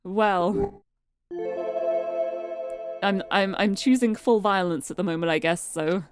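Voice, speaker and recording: A female streamer reads visual novel narration aloud in a mid-range voice, taking her time. She performs it expressively and dramatically, tossing in casual remarks to viewers, with music in the background.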